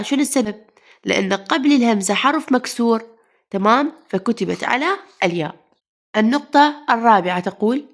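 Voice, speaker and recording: A woman teacher with an Iraqi Arabic accent, a little unwell, explaining a grammar lesson and asking the class questions she then answers. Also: fairly high pitch. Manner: asks the class then answers herself, calls pupils "mama".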